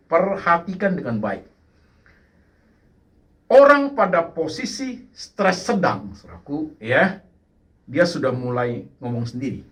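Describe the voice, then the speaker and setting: A man preaching a sermon, repeating phrases and calling out to the congregation, sliding now and then into English words. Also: on the high side. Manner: mixes English words into his speech. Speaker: pastor.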